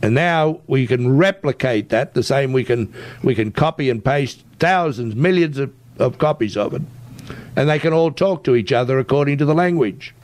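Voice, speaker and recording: A tech entrepreneur with an Australian accent, appearing as an interview guest, explains and persuades emphatically and insistently, often checking in with "right?". His mid-range voice is expressive and darkish in tone, with a moderate pace.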